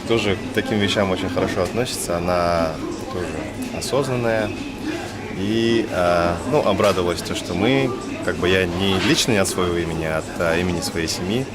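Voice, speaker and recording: Deep-voiced young man, hesitant. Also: fairly quick, over a noisy crowd. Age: late 20s. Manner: thoughtful, hesitant. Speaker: businessman donating to families. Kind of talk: interview answers.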